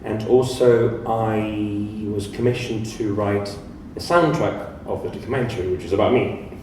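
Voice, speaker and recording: Brief: Greek-accented man, composer, halting panel answers, lowish voice, distant in a booming hall. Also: a little mellow, a little hiss or hum. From Greece. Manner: halting, restarts words often, self-deprecating. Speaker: composer and pianist. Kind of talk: live panel Q&A. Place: large echoey art fair hall. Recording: very echoey hall from far off.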